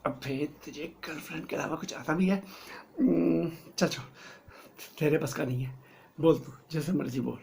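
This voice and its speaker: A man's voice: fairly high pitch, moderate pace, gravelly, darkish tone, slight background noise. A man playing an impatient, exasperated male film director who scolds a clueless actor in a comedy sketch.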